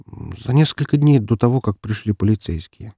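A man voicing a frightened young woman on trial in an audiobook, answering quietly and tearfully. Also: on the low side, expressive, moderate pace, breathy edge, no echo, clean studio sound.

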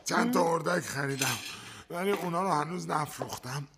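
Dim greedy husband in a radio play, high gravelly whiny voice, stammers, hissy old tape. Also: male voice. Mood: sheepish. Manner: whiny, stammering, moaning with hunger. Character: foolish gluttonous hungry husband, boastful and simple.

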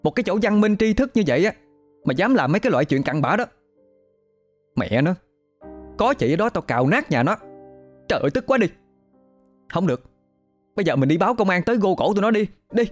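A man voicing a fiery, outspoken young woman, who scolds loudly and swears in outrage. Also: a little high, animated, brisk, long pauses, faint music behind, voice pushed up. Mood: furious.

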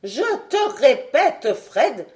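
A woman doing a stern old scientist, loud and sharp. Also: high-pitched, very animated, very slow, pitched above the performer's own voice, exaggerated voice. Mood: firm. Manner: emphatic, scolding.

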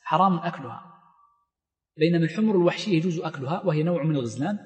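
A man's voice: a little high, animated, racing, darkish tone, in a large hall. A man teaching a lesson on Islamic law, reading lines from a text and then explaining them with many fillers and restarts. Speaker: Islamic scholar teaching fiqh.

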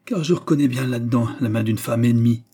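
A man's voice: medium pitch, lively intonation, moderate pace, mellow, breathy edge. A man reading the part of a proud, defiant noblewoman prisoner, speaking with indignant outbursts.

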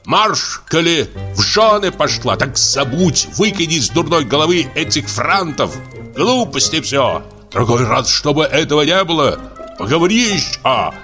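A man voicing a drunk, jealous husband who shouts, scolds and rants at his wife in an audiobook. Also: fairly high pitch, big pitch swings, a little slow, soft background music, voice pushed up, full character voice. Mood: furious. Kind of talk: audiobook character voice.

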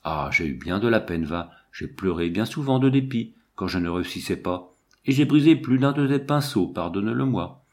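A man reading the part of a gentle, devoted young wife in an audiobook, speaking tenderly and sincerely. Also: fairly low pitch, animated, moderate pace.

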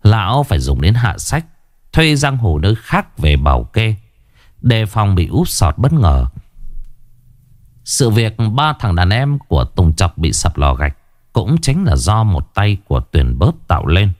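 A man narrating a horror story in a dramatic, lively storytelling manner. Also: on the low side, measured pace, dry recording, clean studio sound.

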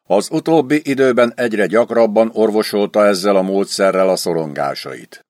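A man narrating a historical adventure novel in an expressive storytelling reading. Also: fairly low pitch, dry recording, studio quality. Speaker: audiobook narrator. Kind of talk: scripted literary narration.

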